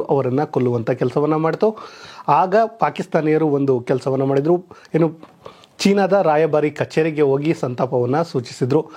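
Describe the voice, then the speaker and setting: A man's voice: on the high side, mellow. A man presenting a news commentary segment, calling out to viewers as friends with rising, emphatic bursts.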